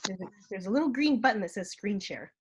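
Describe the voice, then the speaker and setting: A woman speaks informally on a video call among friends. Her voice sits at a middle pitch, and she talks as one participant in a relaxed group conversation. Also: fast talker, husky. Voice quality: smoker's cough. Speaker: participant in an online get-together. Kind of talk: casual group video chat. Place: indoors on a computer video call.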